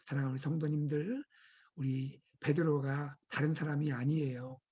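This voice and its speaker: High husky-voiced male pastor preaching. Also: fairly even intonation, normal speed, warm tone, dull audio. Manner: earnest, asks the listeners rhetorical questions. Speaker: senior pastor. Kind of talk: devotional sermon.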